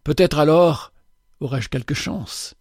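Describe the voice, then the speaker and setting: Earnest nervous young guy pleading, read by a man, fairly high voice, dry sound. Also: slow, darkish tone, husky, no echo. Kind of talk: audiobook dialogue reading.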